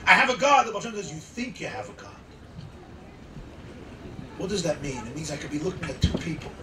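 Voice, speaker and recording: A middle-aged rabbi delivers an impassioned sermon to a seated gathering in a makeshift sukkah hall, emphatic, using rhetorical repetition and dramatic pauses, and mixing Hebrew and Yiddish terms into his English. His voice is fairly high and sing-song. A table mic on a stand captures it distantly and roomily, with clear, noisy room ambience behind.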